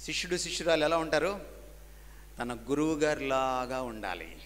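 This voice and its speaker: A man preaching a sermon, swinging between loud emphatic peaks and low quiet drops, and mixing English lines into his preaching. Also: expressive, moderate pace. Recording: long hall reverb.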